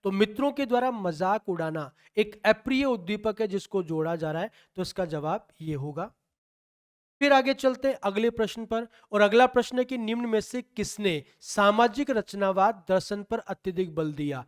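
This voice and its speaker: A man a high, smooth, clear voice goes through a psychology test paper question by question. He poses each question aloud, answers it himself and repeats the key for emphasis. He speaks in. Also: moderate pace. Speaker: teacher solving a test paper. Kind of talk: exam-prep lecture.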